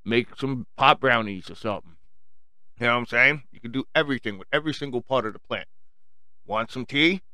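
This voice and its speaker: Brisk, bright and forceful, this mid-range male voice comes through in a dry, studio-quality recording. The man, from Long Island, New York, has a strong accent and rambles casually as a solo podcast host, addressing listeners bluntly with profanity and slang.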